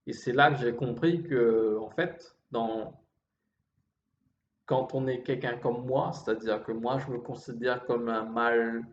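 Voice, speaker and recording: A man talks introspectively at a slow, halting pace, breaking off and restarting phrases. His voice is slightly effeminate and refined in phrasing. The recording is dull and roomy, with faint noise behind him. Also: mid-range voice. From Réunion. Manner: halting, with repeated false starts and trailing phrases; refined way of speaking. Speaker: vlogger. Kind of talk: introspective monologue.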